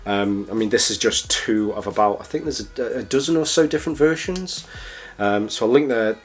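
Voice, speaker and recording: Male reviewer, lowish voice, croaky with a cold, casual and keen, feeling his way through sentences. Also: moderate pace. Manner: hesitant, rambling, enthusiastic. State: croaky, slightly hoarse from a cold. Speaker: product reviewer, host. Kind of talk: casual review chat to camera.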